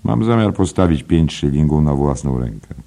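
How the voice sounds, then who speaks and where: A man voicing a secretive male punter with a sly, hushed manner in an audiobook. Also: a bass voice, lively intonation, normal speed, creaky, pitched above the performer's own voice, full character voice. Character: secretive male betting tipster. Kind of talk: audiobook character voice.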